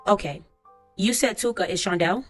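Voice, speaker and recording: A woman's voice: mid-range voice, normal speed, natural voice. A woman reading aloud a court transcript as the lines of a lawyer, who asks formal, methodical questions, with faint music behind her.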